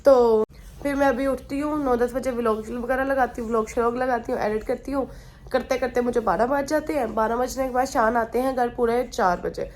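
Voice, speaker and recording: A young woman chats to her viewers in a loose, rambling vlog style, her voice sitting a little higher than most. She is unwell with a slight fever, so the talk is relaxed and meandering, drifting between topics as she speaks from her bedroom. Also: a little fast. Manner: chatty, rambling, mixes in English phrases. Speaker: vlogger. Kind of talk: casual vlog chat.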